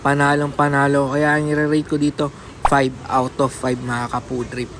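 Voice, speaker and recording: A man's voice: mid-range voice, completely flat delivery, moderate pace, heavy background noise. A man with a Filipino accent giving a casual food review with his mouth full of food, chatting to his viewers. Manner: chatty, repeatedly addresses viewers. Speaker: food vlogger. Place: restaurant.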